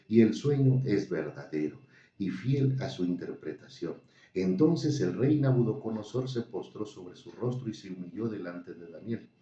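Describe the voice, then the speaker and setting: A man reading scripture aloud in a measured, solemn way. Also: fairly low pitch, dark tone. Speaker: scripture reader. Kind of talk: steady Bible reading. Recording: dull, roomy, distant recording.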